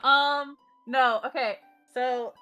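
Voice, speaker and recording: A woman's voice: high voice, fairly even intonation, slow, bright, forceful tone, clean tone, soft background music. A woman playing in a streamed tabletop game, giggly and a little flustered. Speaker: player.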